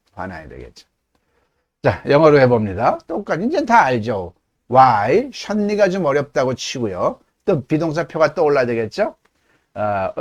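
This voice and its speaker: A middle-aged male teacher lecturing on grammar, his voice sitting a little high and swinging up and down with lively emphasis. He explains things step by step and poses questions that he answers himself. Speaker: English teacher.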